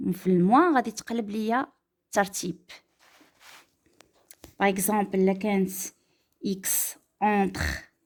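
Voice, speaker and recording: A woman with a Moroccan accent teaching a math lesson, stepping through calculations and slowing down to read out examples. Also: mid-range voice. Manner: switches between French and Moroccan Arabic, slows down to dictate examples.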